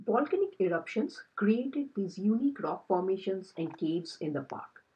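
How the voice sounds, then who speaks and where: A woman narrates her hiking trip in a calm, scripted voice-over. Her voice is very husky and breathy, and her pitch sits in a middle register. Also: moderate pace, rough recording. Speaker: travel vlogger.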